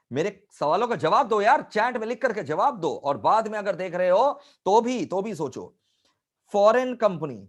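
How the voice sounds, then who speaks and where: A man teaching a live online revision class, emphatic, repeating key points and adding scolding asides to his students. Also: sits high.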